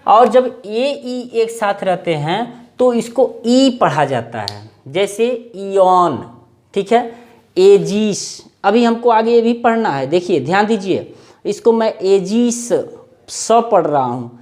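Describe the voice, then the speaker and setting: Slow, lively man teaching spelling. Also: high-pitched. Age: 40s. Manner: spells words letter by letter, repeats each pronunciation. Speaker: English teacher.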